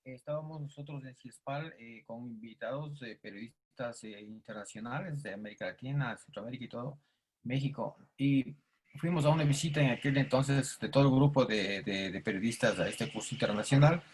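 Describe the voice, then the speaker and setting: Man, husky voice, storyteller who acts out the quotes. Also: medium pitch, a little fast. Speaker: audience participant. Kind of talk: telling a personal story in an online panel.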